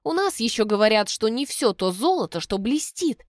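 A young woman reading an audiobook, voicing a defiant heroine who clips her words in a crisp, mocking way. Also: fairly high pitch, sing-song, normal speed, no echo, studio quality.

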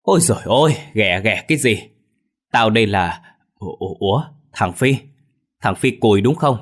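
A man voicing a crude, foul-mouthed male thief who yells, curses and scolds his friend in a raised voice. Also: lowish voice, lively intonation, moderate pace, husky. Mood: yelping. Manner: loud, cursing, scolding.

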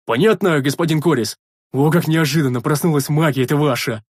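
Man voicing a hulking warrior, bellowing, gruff, husky, dry close sound. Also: on the high side, brisk, no echo. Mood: pleased. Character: burly loud male warrior, gruff and eager. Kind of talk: audiobook character voice.

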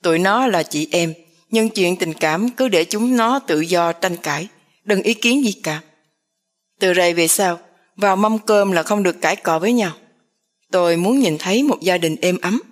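A woman's voice: lowish voice, normal speed, lightly acted. A woman voicing a stern older father who lays down the law to his family. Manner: firm, commanding, lecturing.

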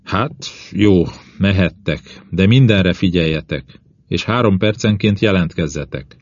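A cautious, worried male expedition leader, read by a man narrating a storybook. He speaks hesitantly in a very low, deep voice. The recording is dry and a little dull. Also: no room sound. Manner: hesitant, careful.

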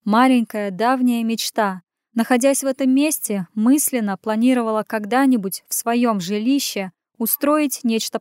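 A woman reading a first-person story aloud as audiobook narration, in an even storytelling delivery. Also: a little high, clear, resonant tone, dry recording, studio quality.

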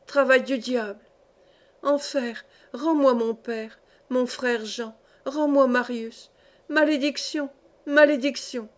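Woman reader as a mad young widow in an audiobook: feverish, rambling, higher voice. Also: steady tone. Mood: anguished. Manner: rapid, feverish, crying out curses. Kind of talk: audiobook reading.

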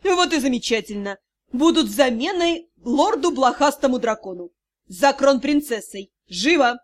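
A domineering noble matriarch who hisses and snaps out orders, as a woman reader puts her on. The voice sits fairly high and sharp, with clipped, commanding phrasing. It is a storybook audiobook character. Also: lively intonation, a little slow. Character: imperious hissing noble mother-in-law, domineering and fierce.

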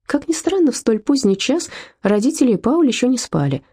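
A woman narrating a novel in an even storytelling manner, as an audiobook narrator. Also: on the high side, brisk, breathy edge. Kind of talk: scripted narration.

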